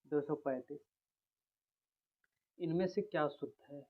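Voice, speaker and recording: A man going through a spelling quiz as a teacher, reading out each option and casually calling his viewers friends. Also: a little high. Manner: informal, addresses viewers as friends; reads out options, then repeats the right spelling slowly. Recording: tinny phone-like sound.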